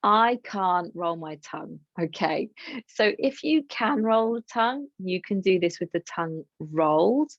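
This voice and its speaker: A woman yoga teacher from England leads a class in a low, gravelly voice, gentle and encouraging, with chatty asides. The sound is dry and a little dull, as if recorded on modest gear. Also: expressive, unhurried, no room sound. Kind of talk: guided yoga class instruction.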